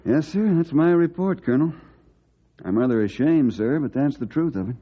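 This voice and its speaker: An actor playing an earnest, steady forest ranger hero in an old-time radio adventure, speaking respectfully and clearly. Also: male voice, fairly high pitch, moderate pace. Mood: ashamed, earnest. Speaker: lead ranger. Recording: muffled, noisy old radio recording.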